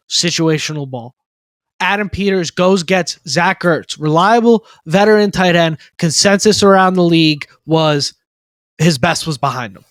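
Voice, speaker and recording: A young man in his twenties co-hosts a sports podcast, his voice pitched high and recorded close and dry. He talks in eager bursts and hammers his points home by repeating them. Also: no echo. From Maryland, USA. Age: 20s. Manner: excited, emphatic, repeats phrases for effect. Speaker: co-host. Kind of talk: sports talk podcast chat.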